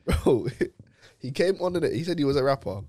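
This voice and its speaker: Animated young man, slangy chat. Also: medium pitch, brisk, no room sound, studio quality. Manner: laughing, slangy, animated storytelling. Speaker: podcast co-host. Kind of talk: casual chat.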